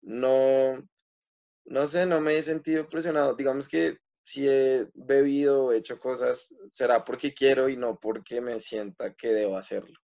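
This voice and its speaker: A young man casually answering questions about his videos and life, often pausing and restarting his sentences. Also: mid-range voice, fairly even intonation, vocal fry, dark tone. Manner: hesitant, many fillers and restarts. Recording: slightly muffled recording.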